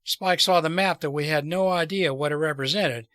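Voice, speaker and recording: Bright, lilting male storyteller. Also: fairly high pitch, normal speed, no echo, clean studio sound. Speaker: storyteller and host. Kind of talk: scripted storytelling narration, reading aloud.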